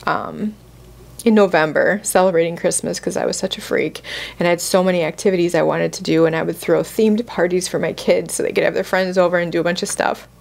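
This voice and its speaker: Candid, heartfelt woman podcast host, low voice. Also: steady tone, brisk, creaky, darkish tone. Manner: candid, heartfelt, casual with frequent "like". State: close to tears at moments. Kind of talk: personal storytelling on a podcast.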